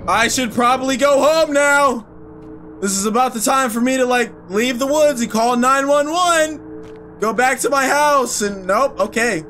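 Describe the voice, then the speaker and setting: A man's voice: very high-pitched, a little slow, pushed and bright, slight background noise. A young man giving playful horror game commentary as a scared streamer, nervous and mock-cheerful with exaggerated reactions. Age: young adult. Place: small indoor streaming room.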